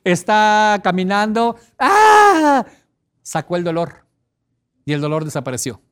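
A middle-aged man giving an expressive teleseminar talk, emphatic and repetitive, breaking into sudden loud cries to illustrate a point. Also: high-pitched, moderate pace, clear, resonant tone. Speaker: personal development teleseminar speaker.

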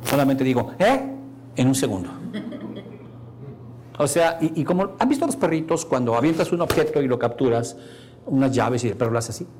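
A man's voice: medium pitch, animated, fairly quick, long pauses, darkish tone, slight background noise. A man giving a lecture to an audience, asking them questions and acting out the voices he quotes. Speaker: course speaker.

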